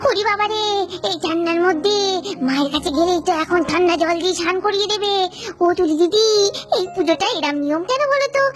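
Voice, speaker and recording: A woman's voice: very high voice, animated, fast talker. A woman doing a whiny cartoon little girl. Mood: whiny, complaining. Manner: whiny, complaining. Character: sleepy whiny young girl who hates cold baths. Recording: cartoon audio with children's music behind.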